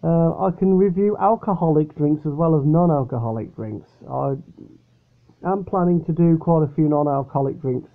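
A man's voice: on the high side, moderate pace. A man casually reviewing a drink from his upstairs bedroom, rambling and hesitant. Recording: tinny, phone-like sound.

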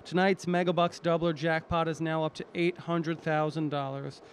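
A man speaking as a lottery draw host, giving a formal, measured, scripted announcement. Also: fairly high pitch, level tone, a little hiss or hum.

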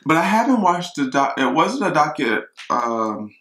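A man's voice: a little high, very animated, normal speed, a bit bright. Chatty mukbang guy, echoey kitchen. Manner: chatty, rambling, talks to viewers as y'all. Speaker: mukbang vlogger. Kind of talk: casual chat while eating. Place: kitchen at home.

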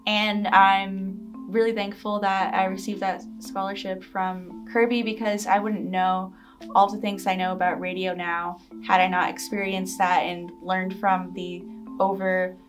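A young woman student answering interview questions earnestly and casually in a studio. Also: mid-range voice. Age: young adult. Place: studio in front of blue backdrop. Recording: distant mic with music underneath.

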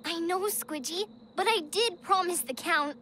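A woman voicing a cheerful, calm young cartoon girl who reassures her timid friend. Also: extremely high pitch, measured pace, slight background noise. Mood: gentle. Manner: bright, reassuring, playful. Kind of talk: cartoon voice acting. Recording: studio voice over loud music.

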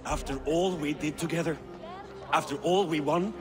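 An actor playing a grave veteran Viking warrior in a video game, solemn and entreating. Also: male voice, a little high, fairly even intonation, moderate pace, close to an everyday voice. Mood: pleading. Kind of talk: dramatic video game acting.

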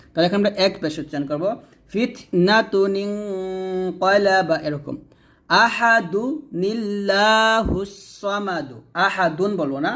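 High-voiced man teaching Quran reading rules. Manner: patient, repeats each rule, slows into drawn-out recitation of examples.

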